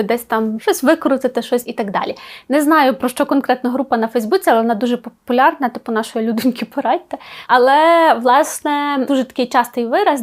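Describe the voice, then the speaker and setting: High-voiced woman explaining slang casually. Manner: chatty, explains with quick examples and asides. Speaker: Polish language teacher.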